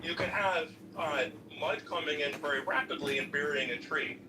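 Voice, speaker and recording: A man debating a caller, explaining in a measured way and turning forceful when pressed. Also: a little high, distant mic, heavy background noise. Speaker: debater defending geology. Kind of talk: call-in debate.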